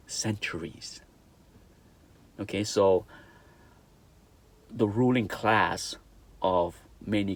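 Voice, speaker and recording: A middle-aged man from Vietnam vlogs in a low, creaky voice with a Vietnamese accent. He sincerely lays out his opinions, says things more than once, and punctuates them with "okay?".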